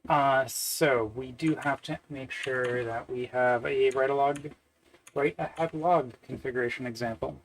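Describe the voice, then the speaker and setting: A man's voice: medium pitch, steady tone, measured pace, slight background noise, rough recording. A man, thinking aloud while coding on a live stream, muttering to himself with many fillers and wry self-deprecating asides. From Canada. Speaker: software developer live-streaming. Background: keyboard typing.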